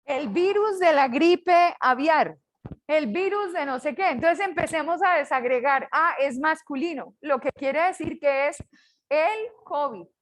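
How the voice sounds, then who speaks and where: An older woman from Colombia with a Colombian accent, teaching a class with a lively, joking manner. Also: sits high, measured pace, poor audio. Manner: lively, jokes with students. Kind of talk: online class lecture.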